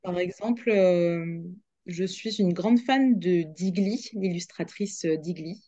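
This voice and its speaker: A woman's voice: fairly low pitch, slow pace, dark tone, no room sound, lo-fi sound. A young woman, a radio journalist, chatting as a guest in a podcast interview, hesitant with many fillers and restarts.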